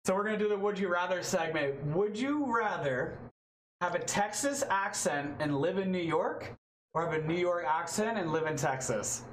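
A man's voice: high voice, expressive, slight background noise, poor audio. Laid-back man hosting a podcast. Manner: laid-back, swears casually, quick agreeing interjections. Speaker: podcast host. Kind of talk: casual interview chat.

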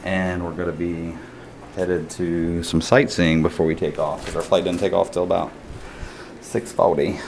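Low-voiced man recording a casual diary. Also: level tone, moderate pace, a little mellow. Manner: informal, often recapping the time and day. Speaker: host of an audio travel diary. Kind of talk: casual spoken audio diary. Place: on the move through hotel lobbies and streets. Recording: handheld recorder with clear ambient noise.

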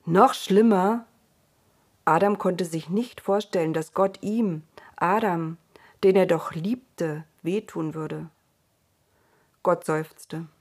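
A woman reads a storybook aloud, calm and unhurried. Her voice sits a little low and she takes her time with every sentence. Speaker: narrator. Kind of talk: storybook reading.

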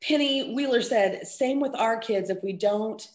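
A woman's voice: on the high side, unhurried. Bubbly woman host in an echoey room. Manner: bubbly and playful, reads viewer comments aloud. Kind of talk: casual livestream chat.

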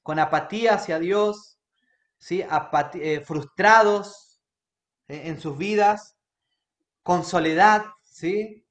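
A high-voiced man, preaching a sermon in an earnest, personal way. He keeps checking in with his congregation as he talks. The sound is roomy and echoey. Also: slow pace, pauses often, fairly bright tone. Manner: earnest, checks in with the congregation by asking "right?" again and again. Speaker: pastor. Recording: echoey room.

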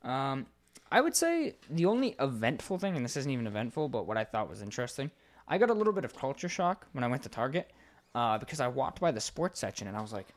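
Animated swearing young man telling stories. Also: medium pitch, quick pace. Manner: animated storytelling with frequent swearing. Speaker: podcast co-host. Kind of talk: casual chat.

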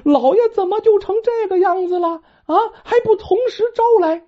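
A woman voicing a fretful middle-aged landlord's wife who frets in a high anxious voice, in a dull lo-fi recording. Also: normal speed. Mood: frantic.

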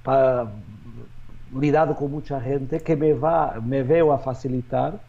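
A man who is a native Portuguese speaker, with a Portuguese accent, answers interview questions as a real estate agent, haltingly and with many restarts and fillers. His voice is medium-pitched and steady, and the sound is lo-fi.

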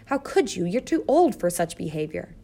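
Woman reading as a sharp-tongued mother mouse, brisk and scolding, slight gravel, storybook. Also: medium pitch.

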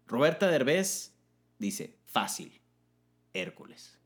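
A young man with a Mexican Spanish accent co-hosting a casual chat, reading listener comments in an upbeat way and laughing often. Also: takes it slowly. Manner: upbeat, laughs often, jumps pitch when excited.

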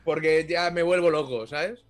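A man's voice: on the high side, moderate pace, soft background music. A man from Catalonia with a Catalan accent, chatting casually on a live stream, joking and swearing freely.

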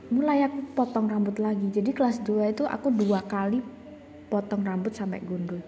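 A young woman with a mellow, warm voice tells a personal story in an easy, confessional way, pausing and restarting as she thinks. Her voice carries a long reverb. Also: mid-range voice, a little hiss or hum. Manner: reflective, confessional, hesitant with restarts.

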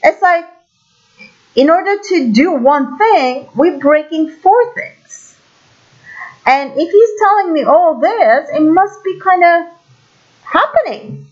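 Lively woman from Turkey, slow and animated. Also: very high voice, highs cut off. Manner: animated storytelling, exclaims in quoted asides. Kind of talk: casual monologue.

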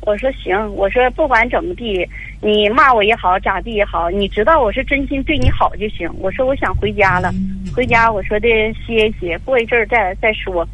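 A woman's voice: medium pitch, fairly quick, a bit bright, breathy edge. An older woman, calling in to an advice radio show and telling a long, tearful story with many fillers. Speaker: caller. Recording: dull lo-fi phone line.

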